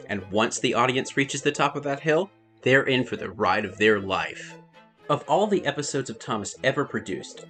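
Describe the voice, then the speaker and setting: A man's voice: mid-range voice, fairly bright tone. A man reading a scripted review as a narrator.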